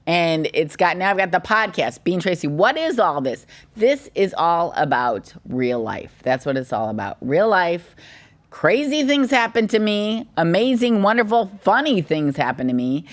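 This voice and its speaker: A middle-aged woman hosts a casual podcast chat in a slightly low voice. Her pitch swings widely as she talks, and she is chatty, open and quick to laugh. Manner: chatty, animated, laughs easily. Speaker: podcast host.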